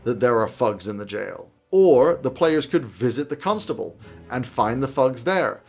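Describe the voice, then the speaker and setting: A man in his thirties hosts a tabletop roleplaying video channel, giving advice to the camera from a small home office. He's conversational yet emphatic and opinionated, with a medium-pitched, animated, slightly mellow voice at a moderate pace. Soft music plays in the background.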